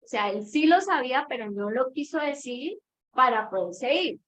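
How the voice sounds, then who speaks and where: A woman's voice: high voice, lively intonation, normal speed, a bit bright. A mother, telling a long story about her child and asking a question in casual talk, with many fillers. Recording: dull lo-fi audio with faint noise.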